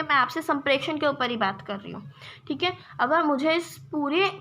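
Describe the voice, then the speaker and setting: A woman's voice: high-pitched, sharp tone, slight background noise. A young woman teaching an exam-prep lesson, explaining step by step and checking in with her viewers as friends. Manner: addresses viewers as "friends", gives examples.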